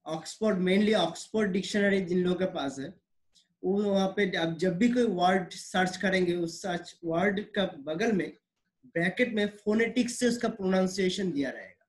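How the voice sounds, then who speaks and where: A man teaching English pronunciation, explaining slowly and repeating words, mixing with English phrases. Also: high voice. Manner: slow, repetitive explaining, mixing Hindi and English.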